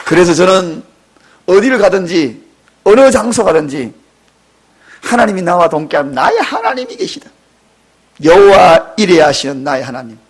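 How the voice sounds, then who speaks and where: Man, 50s, pastor, church sermon, high voice, husky, dramatic emotional preaching. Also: wildly swooping pitch, normal speed, long pauses. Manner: emotional, dramatic preaching with sudden loud cries. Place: church sanctuary.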